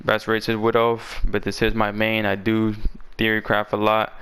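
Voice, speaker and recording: A man's voice: lowish voice, monotone, normal speed, fairly bright tone, clean tone, low-quality recording. A man talking casually and in slang as he presents a game build guide, his voice a little parched from being sick. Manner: informal, slangy talk.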